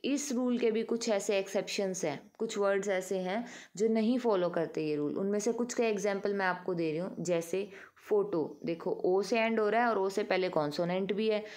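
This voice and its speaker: A woman's voice: mid-range voice, normal speed, darkish tone. A woman teaching a grammar lesson, patiently asking the class questions and answering them herself. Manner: addresses pupils affectionately as "beta".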